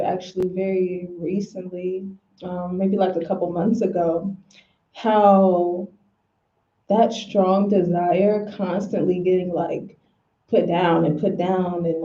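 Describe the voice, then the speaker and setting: A woman's voice: fairly low pitch, warm tone. A woman in a casual spiritual conversation, telling personal stories openly and dropping slang into her talk. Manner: candid, storytelling with slang. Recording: roomy, dull lo-fi audio.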